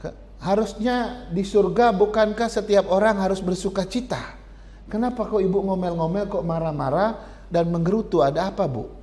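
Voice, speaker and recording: A man voicing a patient, kind angel in a sermon illustration, asking gentle, coaxing questions. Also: sits high, normal speed, close to an everyday voice. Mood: curious.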